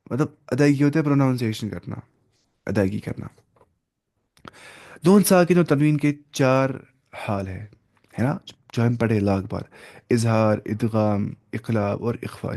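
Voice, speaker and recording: A man teaching the rules of Quran recitation, talking casually to his students and often slipping English terms into his explanations. He stops now and then to model example words slowly and carefully. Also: medium pitch, gravelly, warm tone. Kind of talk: casual tajweed lesson.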